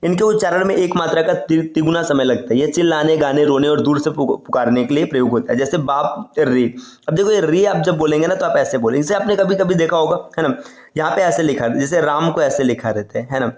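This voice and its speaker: His voice leans high and somewhat mellow as he walks students through an online exam-prep lesson one step at a time. He stretches out sounds, says "है ना" repeatedly, and the audio has a roomy quality.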